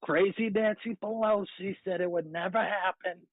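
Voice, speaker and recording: A man's voice: high-pitched, fairly even intonation, normal speed, dry recording. A man in a casual group chat, cheerful and teasing. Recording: tinny online voice call.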